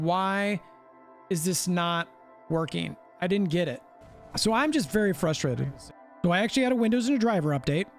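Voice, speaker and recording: Brief: male gaming host, high and very animated voice, exasperated commentary over quiet music. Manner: animated, exasperated, repeats for emphasis. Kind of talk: gameplay commentary.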